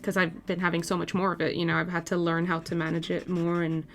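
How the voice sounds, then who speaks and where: A woman's voice: lowish voice, flat delivery, fast talker. A woman in her twenties, from Portugal, chatting casually with viewers on a live stream while she draws, laughing easily as she answers messages. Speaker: art streamer.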